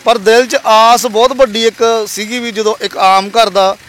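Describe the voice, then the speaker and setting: A man's voice: sits high, little pitch movement, normal speed, a bit bright, slight background noise. A man from Punjab, a laborer and father, telling his story in an interview in an earnest, polite and emotional way.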